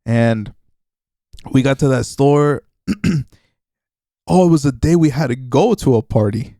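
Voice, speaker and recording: Animated young man telling a story. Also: medium pitch, a little slow, no room sound, studio quality. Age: 20s. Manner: animated storyteller, acts out quotes in other voices, laughs often, swears. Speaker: podcast co-host. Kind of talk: casual chat.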